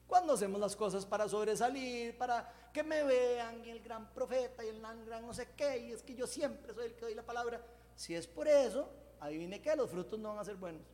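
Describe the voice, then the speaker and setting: Predicador de voz muy aguda, expresivo y bromista, sala con mucha reverberación. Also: male voice, extremely high pitch, normal speed. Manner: animated, jokey, conversational preaching. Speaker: preacher. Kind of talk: sermon.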